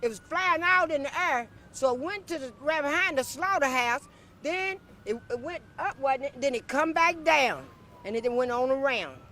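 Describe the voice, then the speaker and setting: A woman's voice: high-pitched, expressive, normal speed, pushed and bright. A woman with a Southern American accent giving an emphatic, folksy eyewitness account in an interview. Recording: faint outdoor noise.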